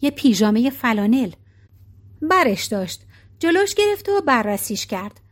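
Woman, high voice, audiobook narration, calm even storytelling.

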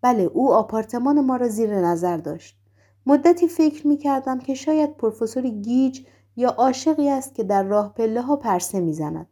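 A woman's voice: on the high side, expressive, dark tone. A woman voicing a fawning, effusive male henchman in a storybook reading.

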